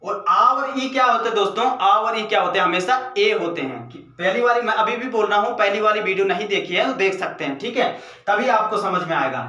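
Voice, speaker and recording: A man's voice: high voice, lively intonation, a little fast, bright, forceful tone. A man teaching a grammar lesson for exam preparation, asking and answering his own questions over and over and calling the viewers his friends. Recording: echoey room, mic at a distance.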